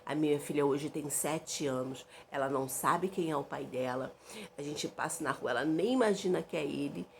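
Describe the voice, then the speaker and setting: A woman's voice: deep voice, normal speed, vocal fry, a little mellow, slight background noise. A young woman telling a dramatic personal story in an emphatic way.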